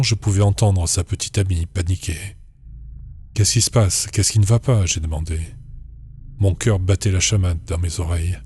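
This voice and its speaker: A man reading a horror story aloud as a steady, measured narrator. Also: low-pitched.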